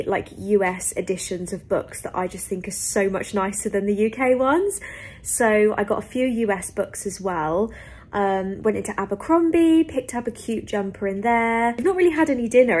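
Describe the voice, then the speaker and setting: A woman's voice: medium pitch, darkish tone, slightly rough. A young woman from the UK chatting casually to camera in a travel vlog, full of ums and likes. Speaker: vlogger.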